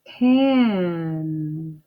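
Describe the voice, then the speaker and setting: Female phonics prompt voice, dull lo-fi sound, isolated words and sounds modeled very slowly with exaggeration. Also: sits low, animated. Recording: dull lo-fi playback.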